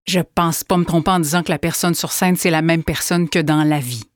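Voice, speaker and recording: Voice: medium pitch, fairly even intonation, fairly quick, over a noisy crowd. An interviewer asking questions and encouraging the guest with short affirmations.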